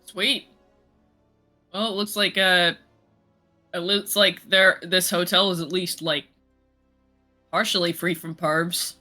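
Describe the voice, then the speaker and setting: A woman's voice: on the low side, steady tone, slow, pauses often, pushed and bright. A woman playing a tabletop game, chatting casually and informally as one of the players. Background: music.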